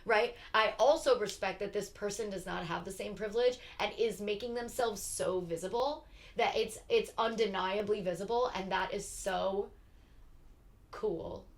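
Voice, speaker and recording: A young woman from Philadelphia chats as a podcast guest. She rambles animatedly, full of fillers and restarts, in a medium-pitched voice. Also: moderate pace. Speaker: podcast guest, actor and writer. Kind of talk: casual conversation.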